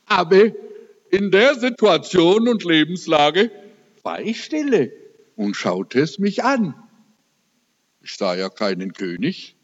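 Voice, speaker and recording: A man's voice: sits high, big pitch swings, slow, long pauses. An older man preaching a sermon, telling a personal story with emotional, dramatic swings. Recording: reverberant hall, dull lo-fi sound.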